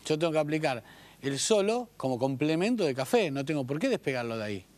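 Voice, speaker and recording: A man's voice: on the high side, big pitch swings, fast, a little mellow. An Argentine man hosting a TV interview, bantering and arguing in a jokey way. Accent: Argentine Spanish. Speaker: TV host.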